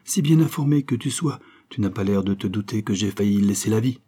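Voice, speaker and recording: A man playing a curt, irritated young brother in a read novel, answering in brief, gruff words. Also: on the low side, brisk, mellow.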